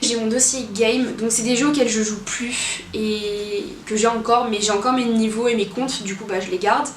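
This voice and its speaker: A woman's voice: fairly high pitch, fairly even intonation, moderate pace. A young woman vlogging in a casual, rambling way, full of fillers and hesitations. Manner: chatty, rambling with many fillers. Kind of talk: casual chat. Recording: echoey room, from a distance, faint noise.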